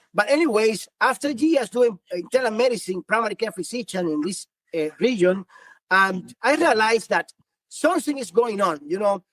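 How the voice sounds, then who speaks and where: A high-pitched, slightly bright male voice belongs to a physician guest on a podcast, a Cuban man in his fifties who speaks Spanish natively and has a Cuban Spanish accent. He answers earnestly but restarts many times, and the recording is dry.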